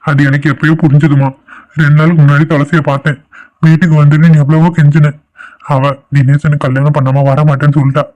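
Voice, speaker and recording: A man's voice: a little high, little pitch movement, quick pace, darkish tone, muffled recording, close to an everyday voice. A man voicing an exasperated grown son in a cartoon, talking firmly. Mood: weary. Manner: firm, exasperated. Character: exasperated grown son dealing with family quarrel. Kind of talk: cartoon voice acting.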